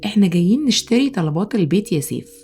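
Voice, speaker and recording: A woman with an Egyptian accent voicing a patient, loving mother who speaks softly but firmly in a storybook. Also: medium pitch, rapid-fire, soft background music. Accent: Egyptian Arabic. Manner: soft, calm and steady.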